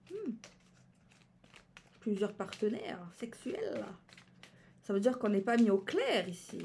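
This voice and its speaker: A woman's voice: medium pitch, a little mellow, a little hiss or hum. A woman giving a casual tarot reading, chatting and musing aloud with repeated phrases and fillers. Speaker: tarot card reader.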